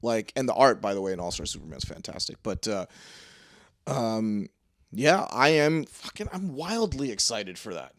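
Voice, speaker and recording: A man co-hosting a podcast in casual chat, excitable and swearing freely, with lots of fillers and restarts. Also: lowish voice, moderate pace, no echo, studio quality. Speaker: podcast co-host.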